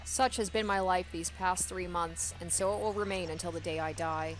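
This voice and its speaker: A woman with a lowish, steady voice hosts a let's play at a normal pace, reading a visual novel aloud and adding casual commentary. Soft background music plays and the audio is poor.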